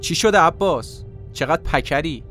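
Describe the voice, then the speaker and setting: An actor playing a cheerful, easygoing young soldier who jokes and reassures. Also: male voice, fairly high pitch, lively intonation, a bit bright, faint music behind. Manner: breezy, joking, reassuring.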